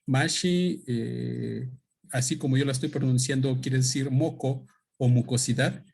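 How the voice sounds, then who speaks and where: A husky Mexican man, a native Otomi speaker, lectures an audience at a book presentation. His voice sits at an ordinary middle pitch, and he talks in a thoughtful, halting way, pausing often to find the right word. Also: fairly even intonation, mellow. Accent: Mexican Spanish. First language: Otomi (Hñähñu). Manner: thoughtful, halting, pauses to search for words. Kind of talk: explanatory talk to an audience.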